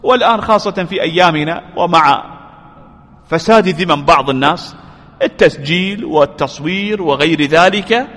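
A man's voice: a little high, moderate pace, a bit bright, in a large hall. A man giving a religious lesson. He poses rhetorical questions, answers them himself, repeats key phrases for emphasis and blesses his listeners often. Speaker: religious teacher.

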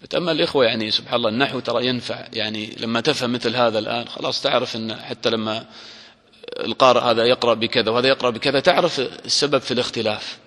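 Guy teaching a class, mid-pitched voice, keeps quizzing the room, long echo off the hall. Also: steady tone, bright, forceful tone. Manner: quizzes listeners with short questions; stretches out quoted example words slowly. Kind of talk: grammar lesson to a class.

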